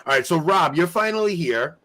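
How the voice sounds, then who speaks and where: A man's voice: a little high, lively intonation, fairly quick, pushed and bright. A man hosting a trivia live stream in casual chat, with a bantering, self-mocking way of talking. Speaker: host of a trivia show.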